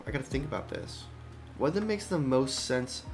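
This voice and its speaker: With faint music playing behind him, a young man who makes indie games talks casually on a dev stream as he demos his work, thinking aloud and restarting again and again. His mid-range voice has lively intonation at a normal speed.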